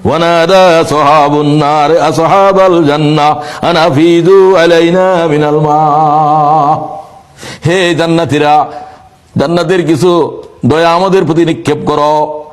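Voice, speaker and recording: A fairly high-voiced man delivers a sermon. He slips into slow, sing-song chanting for recited passages and breaks into sudden high exclamations. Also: fairly even intonation. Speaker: preacher.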